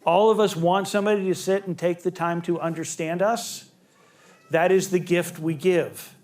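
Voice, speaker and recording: A man with a fairly high voice leads a family relationships seminar for a live group. He keeps it conversational and slips into short acted-out lines of dialogue to make his points. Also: fairly even intonation, moderate pace, a little mellow. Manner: conversational, acts out quoted dialogue.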